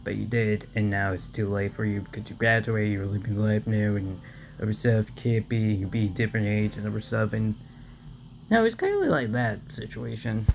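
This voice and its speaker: A man reading a visual novel aloud with casual commentary, halting and stumbling over words. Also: on the low side, creaky, a little hiss or hum. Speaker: let's play host reading a visual novel.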